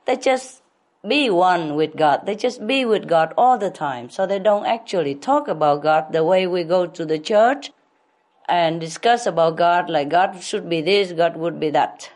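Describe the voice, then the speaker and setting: A woman spiritual teacher answering questions at a public talk, speaking slowly with repetition and frequent laughter. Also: lowish voice, animated, a little mellow. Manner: slow, repetitive, laughs often.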